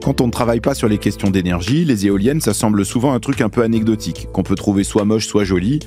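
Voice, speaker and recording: A man from Lebanon hosting a podcast, giving a measured scripted introduction before interviewing his guest. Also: lowish voice, warm tone, soft background music. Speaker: podcast host.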